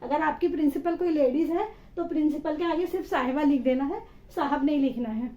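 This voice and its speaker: A woman's voice: high-pitched, fairly quick, roomy sound, highs cut off. A woman teaching an Urdu spelling lesson, patiently sounding out each letter and syllable.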